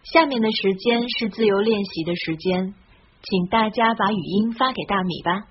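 A woman hosts an English pronunciation lesson in a friendly, encouraging, scripted manner, slowly stretching out model words. Her voice is mid-range, and the sound is lo-fi with a noisy background.

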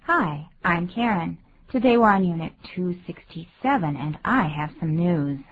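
A woman co-host slowly models English lines on a radio lesson. Her voice is a little breathy, with a lively lilt. The sound is thin and tinny, like it comes over a phone line. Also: lowish voice. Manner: slow, clear model reading of English lines.

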